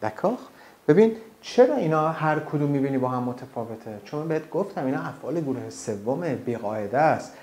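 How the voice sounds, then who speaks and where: A man teaching a language lesson, talking informally to the learner and drawing out words slowly for the learner to repeat. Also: mid-range voice, darkish tone. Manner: slow drawn-out model pronunciation, direct and informal. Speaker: French teacher.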